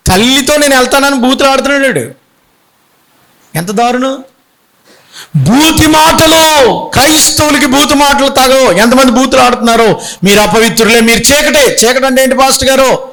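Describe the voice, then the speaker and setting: Middle-aged male bishop, high-pitched and emphatic, preaching with pointed rhetorical questions. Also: fairly bright tone, rough recording. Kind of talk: Telugu sermon.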